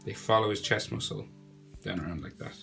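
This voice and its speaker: Creaky, a little fast, and on the low side, this young man's voice is nasal from a cold. He narrates a drawing tutorial step by step in a relaxed, chatty tone while faint music plays.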